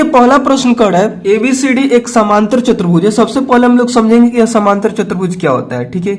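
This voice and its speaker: Patient male math tutor, high-pitched, repeats points and checks in after each step. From Bihar, India. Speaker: math teacher. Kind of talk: explaining a school math lesson.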